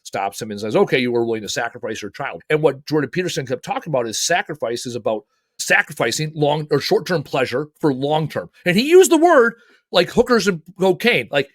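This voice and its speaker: A man's voice: fairly high pitch, dry recording, studio quality. Blunt, profane man telling stories. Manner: blunt, profane, animated storytelling. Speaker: podcast host and author. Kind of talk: casual motivational talk.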